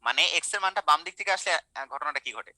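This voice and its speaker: Young male math tutor, online class. Bright, fast delivery, keeps checking in with students. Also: a little high, animated, no echo, poor audio. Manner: colloquial, coaxing, quizzing students. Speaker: math teacher.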